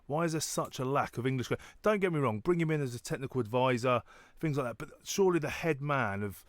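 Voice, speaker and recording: A male guest on a sports radio show talks bluntly and argues his view in plain words, often repeating himself as he goes. His pitch is in the middle range. The studio sound is close and dry. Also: expressive, fast, no echo. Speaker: studio guest, former rugby player.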